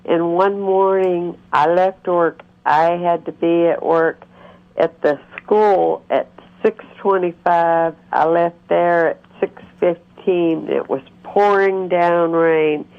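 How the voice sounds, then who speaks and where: A woman's voice: fairly low pitch, fairly even intonation, slow. A woman in her late fifties speaks as a radio show caller, earnest and insistent as she tells her story. She takes her time, and the phone audio is dull and muffled.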